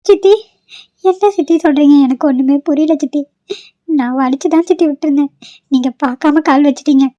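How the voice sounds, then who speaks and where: Timid young stepdaughter voiced by a woman in a cartoon, anxious and pleading, with a high, soft-toned voice. The recording is dry and lo-fi. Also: brisk, natural voice. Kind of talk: Tamil cartoon voice acting.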